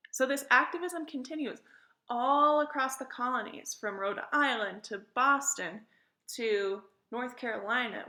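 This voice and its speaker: Bright-voiced woman teacher reading aloud. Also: on the high side, roomy sound. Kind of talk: read-aloud lesson.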